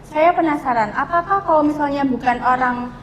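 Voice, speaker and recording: A woman's voice: high voice, brisk, highs cut off, a little hiss or hum. A woman interviewer asking a curious question in a casual talk show.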